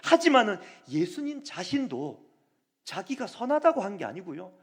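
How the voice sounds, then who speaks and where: A male pastor preaching a sermon in a church, shifting between quiet, low asides and loud, rising exhortation. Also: sing-song, normal speed, slightly rough.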